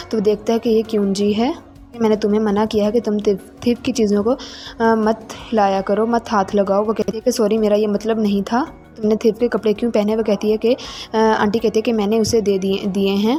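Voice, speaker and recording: A woman narrating an episode recap of a drama, reading the characters' lines herself in an even, plain voice. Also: mid-range voice. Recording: faint music behind voice.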